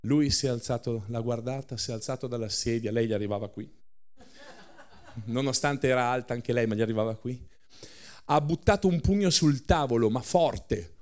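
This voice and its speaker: Animated male preacher telling a story. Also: mid-range voice, normal speed. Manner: animated storyteller, acts out quotes, laughs between lines. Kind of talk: sermon storytelling.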